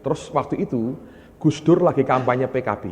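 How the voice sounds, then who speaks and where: A male pastor preaching a sermon, telling stories with lively energy and often addressing the congregation directly. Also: medium pitch, fairly quick. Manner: animated storytelling, often calling the congregation "brothers". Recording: long hall reverb.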